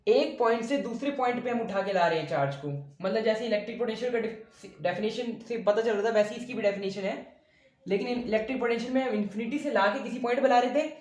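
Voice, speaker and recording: A man's voice: high voice, fast, a little mellow. A male teacher giving a blackboard science lesson, asking the class questions, answering them himself, and patiently repeating each point. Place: room with a board he writes on and erases. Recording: echoey room.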